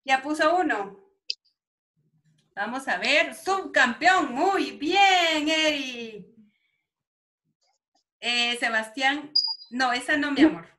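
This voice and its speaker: A woman teacher with a Guatemalan Spanish accent, running an online class for young pupils, calling them affectionate names and reading words out slowly. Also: high voice, lively intonation, pushed and bright. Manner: affectionate, calls pupils "mi amor". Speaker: primary school teacher.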